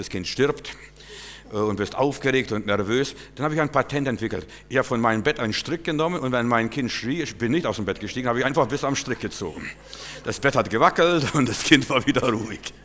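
A middle-aged pastor delivers a sermon with an emphatic voice. He swings between loud, pressing bursts and low, quiet asides. His voice rings out with a long reverb, as in a large church hall.

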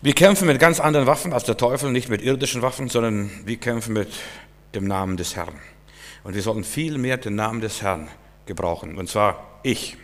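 A man preaching a sermon emphatically, swinging between loud declarations and quiet asides. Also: mid-range voice, a little fast. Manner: emphatic, rising and falling dynamics. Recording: echoey hall reverb.

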